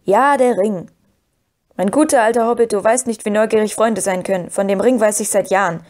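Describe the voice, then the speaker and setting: A woman reading the part of Merry, a calm and knowing young male hobbit who speaks with quiet decisiveness. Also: mid-range voice, quick pace, lightly acted. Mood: decisive.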